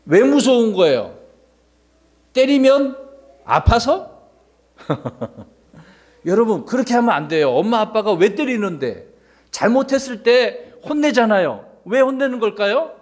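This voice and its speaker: Animated man preaching to children. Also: sits high, measured pace, pauses often. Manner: animated, asks the children questions and acts out voices. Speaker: pastor teaching children's Sunday school. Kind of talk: children's sermon.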